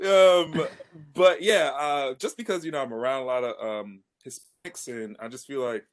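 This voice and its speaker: A man's voice: medium pitch, normal speed. A man co-hosting a casual chat who talks in an upbeat way and agrees readily. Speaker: podcast co-host.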